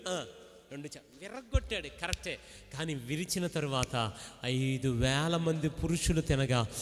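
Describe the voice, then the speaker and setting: A man preaching a sermon, repeatedly urging the congregation to shout, respond and read along. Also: medium pitch. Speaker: pastor. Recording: echoey hall with faint music.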